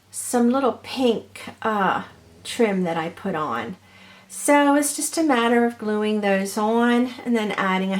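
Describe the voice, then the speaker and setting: A woman with a cold, her fairly high voice a little hoarse, chats slowly through a craft tutorial showing off her ornaments. She's gentle and meandering, filling her speech with lots of ums and uhs.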